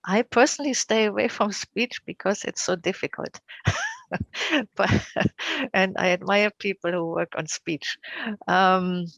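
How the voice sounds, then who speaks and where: A woman's voice: medium pitch, sing-song, unhurried, creaky, a bit bright, no echo, rough recording. A woman answering audience questions on a video call, thoughtful, with many fillers and frequent "right?" tags. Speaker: invited speaker.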